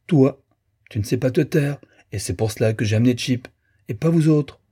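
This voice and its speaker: A man's voice: medium pitch, normal speed, dark tone, slightly rough, voice pushed up, lightly acted. A man voicing a bossy eldest sister who scolds her little brother emphatically. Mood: scolding.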